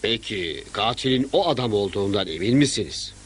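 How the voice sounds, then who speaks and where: Husky, authoritative governor. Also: male voice, fairly low pitch, expressive, a little fast. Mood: grave, questioning. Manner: formal, authoritative questioning. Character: grave, cautious male governor of a historic city. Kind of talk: period drama acting.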